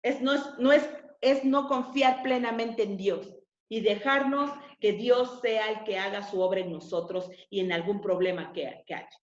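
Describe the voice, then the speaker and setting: A woman's voice: medium pitch, unhurried. A woman giving a sermon who keeps asking her listeners short rhetorical questions. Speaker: preacher. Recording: echoey, slightly dull room sound.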